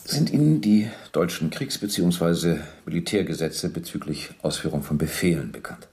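In a docudrama radio play, an actor portrays a sober, persistent police captain who questions people and reads from documents in a measured, precise, matter-of-fact way. His deep, darkish voice has lively intonation and a probing mood.

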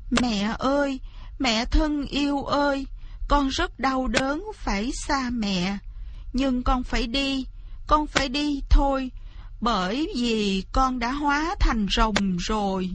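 A suffering boy who gasps and complains in a thin, high voice, as a woman storyteller puts him on. His words come slowly. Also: background noise. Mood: sorrowful. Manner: gasping, weak and complaining. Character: young son, suffering and breathless.

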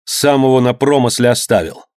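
A man's voice: medium pitch, normal speed, a little mellow, no room sound, clean studio sound, lightly acted. A man reading an audiobook, voicing a proud, defiant merchant's wife who stands up to her husband.

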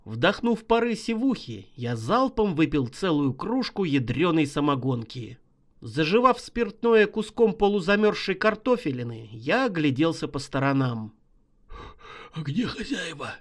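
A man reading a horror story aloud as an audiobook narrator, expressive and vivid. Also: on the high side, normal speed.

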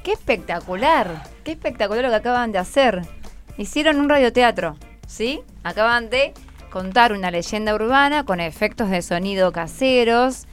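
In a radio studio, a woman with an Argentine accent chats casually and effusively with schoolchildren, encouraging her young guests. Her voice sits on the high side, clear and resonant, with lively intonation and a moderate pace, while faint music plays behind.

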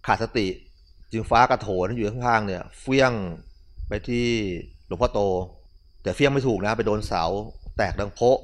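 A man, a Buddhist monk, giving a morning dharma talk as a relaxed, conversational story with casual asides. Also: lowish voice, normal speed.

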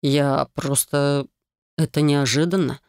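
Brief: gentle anxious dragon husband, low and quiet, read by a woman, dry close sound. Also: fairly even intonation, fairly quick, dry recording. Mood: worried. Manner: soft, coaxing and quiet.

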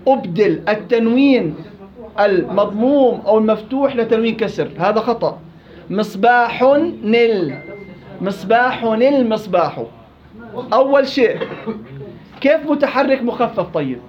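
A man teaching Quran recitation rules, quizzing his students and repeating words slowly. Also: extremely high pitch, lo-fi sound. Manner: quizzing students, drawn-out slow repetitions. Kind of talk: interactive tajweed class.

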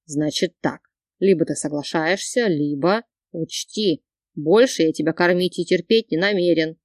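Woman doing a gruff bossy middle-aged guy, lowish voice, warm dry read. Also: moderate pace, no echo. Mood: angry. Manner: gruff, barking threats. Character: coarse bullying middle-aged man, mother's partner.

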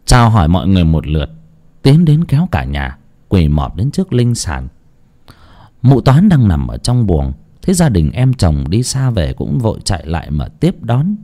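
Male storyteller, ghost story narration, wildly swooping pitch, dark mellow tone.

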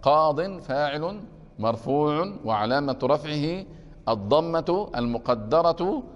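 A man's voice: fairly high pitch, expressive, a little slow, highs cut off. Male grammar teacher lecturing in a reverberant hall. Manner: keeps asking the class if it is clear; takes questions from students.

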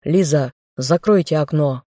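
A woman voicing a stern male general and dark mage, fierce and commanding. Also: low voice, measured pace, dry recording, clean studio sound. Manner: commanding, furious.

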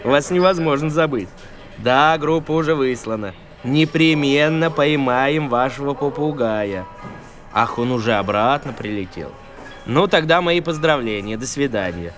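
A man playing a wry, nervous police duty lieutenant in a comic audio drama, deadpan and deferential. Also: mid-range voice, measured pace, soft background music.

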